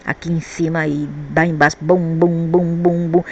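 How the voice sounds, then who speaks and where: A woman's voice: low voice, little pitch movement, normal speed, darkish tone, lo-fi sound, faint music behind. A woman from Brazil telling a rambling personal story about spirits and the afterlife, often repeating words while she searches for them. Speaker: spiritual vlogger.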